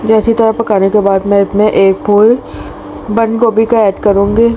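A woman's voice: mid-range voice, little pitch movement, moderate pace, mellow. Woman giving a home recipe voice-over. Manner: plain step-by-step instructions with small restarts. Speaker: cooking channel host. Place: home kitchen. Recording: noisy home recording.

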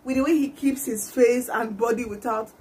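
A woman's voice: fairly high pitch, fairly even intonation, normal speed, a little mellow. A young woman, chatting casually and laughing often as she hosts a reaction vlog from a small indoor room. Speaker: YouTube reaction vlogger. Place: small indoor room, patterned wall backdrop.

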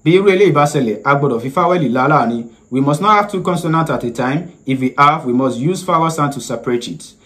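Young guy w nigerian yoruba accent, native yoruba, voice a bit high, teaching a language lesson, explains things carefully. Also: animated, a bit bright. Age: young adult. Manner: deliberate, explanatory, repeats each point. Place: small indoor room, seated.

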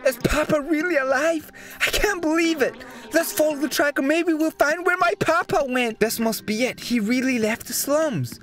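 A man's voice: extremely high pitch, moderate pace, a bit bright, voice pushed up. A man voicing an anxious young robot in a video game, pleading and earnest about his missing father. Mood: hopeful disbelief. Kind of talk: video game dialogue read aloud.

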